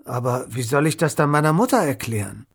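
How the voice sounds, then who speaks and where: Guy doing a cheeky little boy, storybook read-aloud, slightly husky, dry sound. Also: medium pitch, expressive, fairly quick, no room sound. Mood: puzzled. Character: cheeky boy who fibs and boasts.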